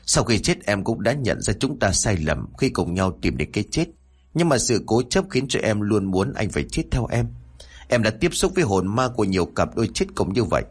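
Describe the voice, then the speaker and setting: A sorrowful young woman's ghost speaks here, voiced by a man reading a horror story. Her pleading sounds low and husky, and it rises and falls a lot. She is tender, with the hatred gone out of her. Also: big pitch swings, brisk.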